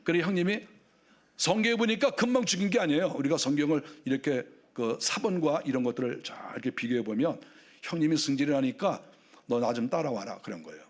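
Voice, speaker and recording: A man's voice: fairly high pitch, animated, fast talker. Conversational male pastor preaching. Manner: conversational, full of rhetorical questions. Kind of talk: sermon.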